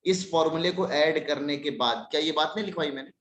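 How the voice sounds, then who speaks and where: A man teaching a live online maths class, lively and scolding his students in jest. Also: fairly high pitch, a little fast, roomy sound.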